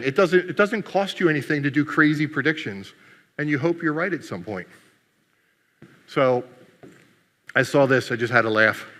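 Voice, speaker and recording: Playful and teasing, a conference speaker whose first language is Greek gives a funny keynote in a mid-range voice. The tone is bright and forceful, and a long hall reverb hangs over the recording.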